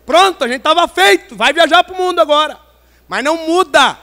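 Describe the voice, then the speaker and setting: A man preaching a pentecostal sermon, playful and storytelling, swinging from loud emphasis to quiet asides in a large church hall. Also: very high voice, expressive, moderate pace. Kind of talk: pentecostal sermon with humorous stories. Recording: long hall reverb.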